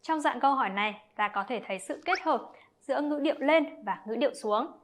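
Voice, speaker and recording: A woman teacher walks young pupils through each example in a clear, explanatory way. Her voice is slightly high, and she speaks straight to the children as she breaks down every point. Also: lively intonation, a little fast. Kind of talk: explanatory lesson narration.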